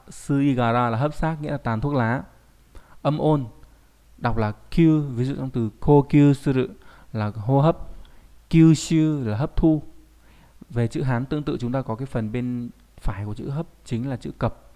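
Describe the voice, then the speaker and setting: A Japanese language teacher with a mid-range, dark voice teaches kanji in an online lesson. He explains patiently and often checks in with the learner using tag questions.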